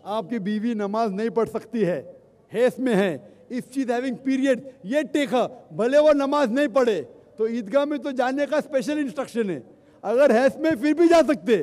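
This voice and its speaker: A man's voice: extremely high pitch, darkish tone. A male Islamic speaker answering audience questions at a public lecture, counting off his points one by one and mixing in English phrases. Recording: long hall reverb.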